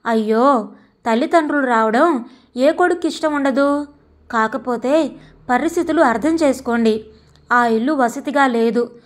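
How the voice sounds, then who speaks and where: A woman's voice: high-pitched, measured pace, long pauses. A woman voicing a young married man who pleads and apologizes to his parents. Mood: pleading.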